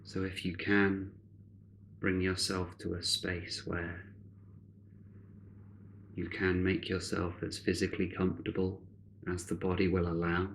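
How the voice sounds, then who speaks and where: A man guides a meditation in spiritual narration, his low, gravelly voice completely flat. Short, solemn phrases are separated by long, deliberate pauses in a soothing, measured delivery, with some background noise underneath.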